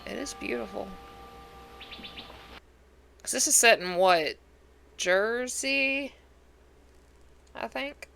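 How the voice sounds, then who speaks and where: Hoarse, sassy woman reacting to a film. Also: fairly high pitch, slow, pauses often, fairly bright tone, slight background noise. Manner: chatty, sassy, talks back at the screen. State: hoarse, congested. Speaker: movie reaction host. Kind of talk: casual reaction commentary.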